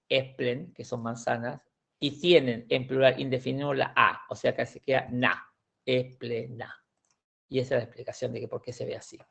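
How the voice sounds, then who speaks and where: A man's voice: mid-range voice, creaky. A man teaching a language class, explaining grammar patiently and repeating words with frequent restarts. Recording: dull lo-fi sound.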